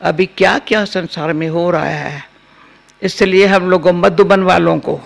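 Slow, gravelly older woman. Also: fairly low pitch, fairly even intonation. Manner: slow, homely storytelling. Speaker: spiritual teacher. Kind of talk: spiritual discourse with personal anecdotes.

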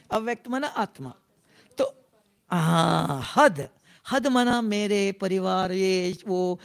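Spiritual teacher, devotional class talk, middle pitch with a gravelly edge, repetitive and questioning. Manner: repetitive, keeps asking the listeners questions.

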